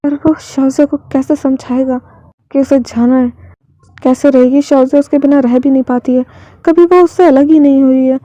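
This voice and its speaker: A woman reading a fan fiction story aloud in a plain, unhurried way. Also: sits high, steady tone, warm tone, dry recording.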